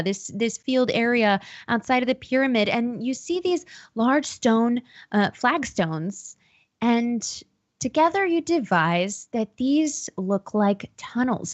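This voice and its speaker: A woman's voice: on the high side, no room sound. Woman game master describing creepy scenes, lots of ums, kinda muffled audio. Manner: descriptive, with frequent ums and restarts. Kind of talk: narrating a tabletop horror game.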